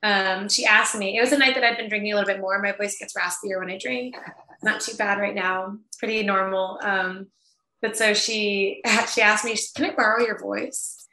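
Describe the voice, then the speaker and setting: Woman, interview guest, laid-back and chatty, bright tone, roomy video-call sound. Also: medium pitch, steady tone, moderate pace. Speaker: guest, event planner. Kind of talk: casual interview chat. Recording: echoey room.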